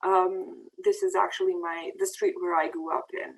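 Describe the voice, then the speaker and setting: Her voice is on the low side, creaky and flat, at normal speed, and the recording is rough. The woman, a peace fellow in her thirties from Bosnia and Herzegovina, delivers a prepared slide presentation with frequent ums and false starts.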